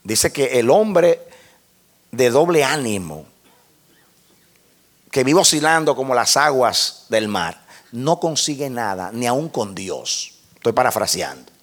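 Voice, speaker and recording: A man preaching a sermon to a congregation. He repeats and restarts words as he builds a point, asks his listeners questions, and swings from hushed lines to near-shouted ones. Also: medium pitch, sing-song, slow pace, long pauses.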